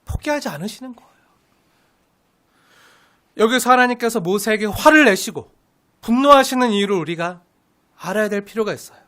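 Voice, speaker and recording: A woman's voice: mid-range voice, animated, a little fast, long pauses, a bit bright. A woman pastor preaching an expository sermon, asking the congregation questions and answering them herself, with emphatic stress on key words.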